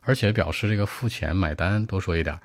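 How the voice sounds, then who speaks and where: A Chinese man teaching English, switching between Mandarin and English as he unpacks words and phrases. His voice sits very low and deep. The sound is dry and close, with no room echo. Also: brisk. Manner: explains vocabulary at length with asides and rhetorical checks. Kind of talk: IELTS speaking lesson, mixing Chinese and English.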